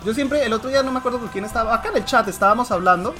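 A man's voice: very high voice, very fast, sharp tone. A Colombian man hosting a podcast live on a stream, talking casually and animatedly, dropping swear words and restarting his sentences. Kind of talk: casual chat. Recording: faint background music.

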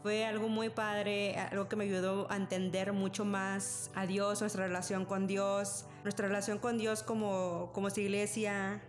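A woman's voice: medium pitch, level tone, a little slow, few pauses, faint music behind. Chatty young woman podcaster. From Mexico, raised in the Rio Grande Valley of Texas. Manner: chatty, many fillers like "o sea" and "pues". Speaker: podcast host. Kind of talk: casual personal monologue.

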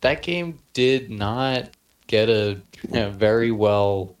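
A man's voice: on the low side, takes it slowly. Rambling young man with cracking voice. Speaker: podcast co-host. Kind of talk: casual chat.

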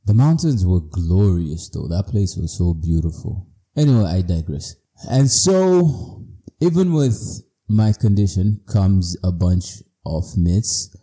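A man's voice: sits low, animated, takes it slowly, mellow. A man from Zimbabwe, hosting a podcast in a reflective personal monologue, playful and self-mocking. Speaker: podcast host.

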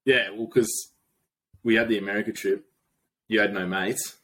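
A man's voice: lowish voice, fairly even intonation, normal speed, bright, forceful tone. A young man with a broad Australian accent, a podcast guest chatting in a blokey, slangy, informal way. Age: young adult. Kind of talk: casual chat.

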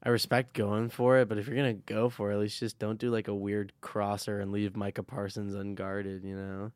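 A man chatting on a casual sports podcast, excitable and joking, often cutting in. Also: on the low side, a little fast, clean tone, no echo. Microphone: studio microphone.

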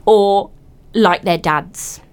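A British woman hosting a casual radio chat, with a teasing, expressive way of talking. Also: mid-range voice, slow, smooth. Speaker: radio host and podcast presenter.

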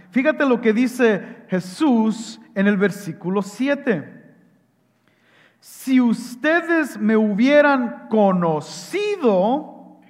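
A pastor preaching a sermon from a pulpit in a church, emphatic, with wide swings in loudness, reading scripture slowly and solemnly. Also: male voice, sits high, in a large hall.

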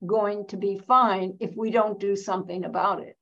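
On a slightly dull recording, an American woman in her seventies or beyond, a veteran feminist activist being interviewed, speaks with reflective emphasis and deliberation, breaking her sentences with pauses. Her mid-range voice is steady in tone and a bit bright.

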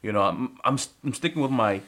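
A man's voice: mid-range voice, expressive, brisk, a bit bright. A man chatting casually in an easygoing, agreeable way. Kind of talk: casual chat.

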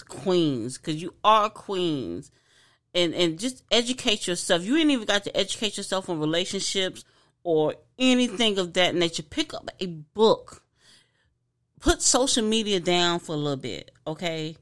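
A woman's voice: on the low side, fairly bright tone. A woman co-hosting a casual podcast, giving earnest advice and often restarting her sentences. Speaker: podcast co-host.

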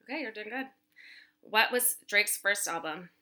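Woman, quiz host, teasing and giggly, very bright tone, mid pitch. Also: animated, moderate pace. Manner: teasing, giggly, reads lyrics aloud. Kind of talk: casual chat.

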